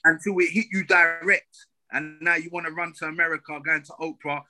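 A man's voice: fairly high pitch, steady tone, a little fast, bright, forceful tone, soft background music, low-quality recording. A man with an urban London street accent, arguing his opinions in casual roadman slang with emphatic rhetorical questions, as a podcast co-host.

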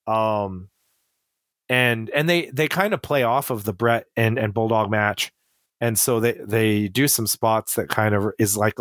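A man's voice: on the low side, dry recording. Rambling middle-aged man, dry close sound. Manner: rambling, many fillers and restarts. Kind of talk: casual conversational storytelling.

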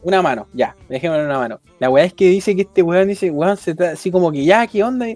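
A man's voice: fairly high pitch, quick pace, a little mellow, no room sound. A young man with a Chilean accent telling a rambling, slang-filled anecdote in casual chat. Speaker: storyteller.

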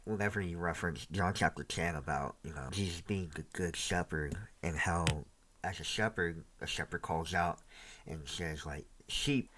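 Dude with a low voice asking questions casually, lots of likes and you knows. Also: male voice, fairly even intonation, normal speed, fairly bright tone. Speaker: interviewer.

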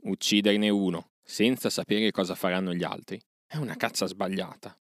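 A man's voice: low voice, fairly even intonation, no room sound, clean studio sound. A man doing a wise, sardonic old panther. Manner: measured, mocking asides.

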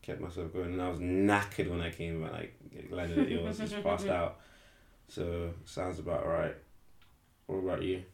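A man's voice: deep voice, level tone, normal speed, gravelly, a little mellow, echoey room. A young man, chatting casually as a podcast co-host, rambling and correcting himself, laughing easily. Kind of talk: casual chat.

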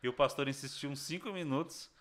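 Homem falante, contando história em ritmo rápido. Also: male voice, medium pitch, fast talker. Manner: animated, acts out voices of people in his story, slangy. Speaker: guest telling his conversion story. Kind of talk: casual storytelling chat.

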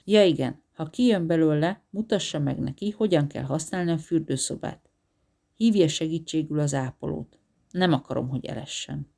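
A man voicing a brusque, self-assured male doctor giving curt orders, with a creaky voice. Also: fairly high pitch, a little mellow. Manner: curt, commanding.

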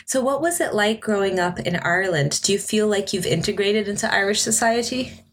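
A woman's voice: medium pitch, fairly quick, a little hiss or hum. A woman hosting an interview podcast, asking questions in a friendly conversational way and laughing along with her guest. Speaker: podcast host.

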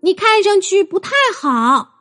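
A woman's voice: very high voice, animated, unhurried, fairly bright tone, faint music behind, pitched above the performer's own voice, full character voice. A woman voicing a caring young girl who talks in an urgent, pleading way. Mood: concerned.

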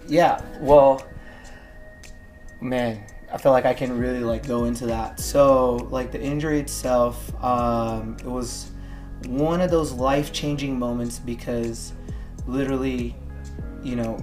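Brief: thirties man from Hawaii, even monotone delivery, reflective guest, music bed clearly audible. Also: medium pitch. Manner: flat, reflective, many ums and likes. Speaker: guest, gym owner. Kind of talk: casual interview talk.

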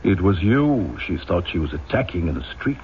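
An actor playing a rigid, coercive police inspector in an old-time radio drama, with clipped, formal, insistent questioning. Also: male voice, deep voice, sing-song, normal speed. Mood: sternly accusing. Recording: dull, noisy old radio broadcast.

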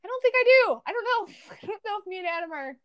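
A woman's voice: very high voice, lively intonation, very fast, fairly bright tone. A woman with a Minnesota accent chatting casually and emphatically as a podcast co-host, in a gushing fangirl manner. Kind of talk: casual chat.

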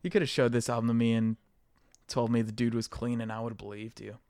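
A man's voice: medium pitch, little pitch movement, fast, a little mellow, dry recording. A man co-hosting a podcast in casual, conversational chat. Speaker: podcast co-host.

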